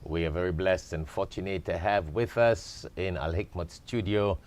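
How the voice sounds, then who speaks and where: Deep-voiced male talk show host. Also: normal speed, a little mellow. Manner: formal, effusive introductions. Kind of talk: studio interview. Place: TV studio.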